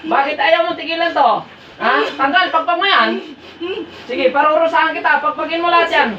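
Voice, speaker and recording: A woman faith healer leads an exorcism ritual, chanting incantations and firing off short, insistent commands. Her high, bright voice carries across a roomy, echoing space, heard from some distance. The recording is dull and slightly lo-fi. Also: a little hiss or hum. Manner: chants incantations, then barks rapid commands.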